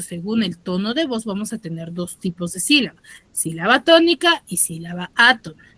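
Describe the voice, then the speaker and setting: A woman's voice: mid-range voice, bright, forceful tone, dry recording. A woman teaching an online school class with a Peruvian Spanish accent, patiently explaining and checking that students follow. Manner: patient, checks understanding with tag questions, slows on key terms. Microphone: dry close mic, online class.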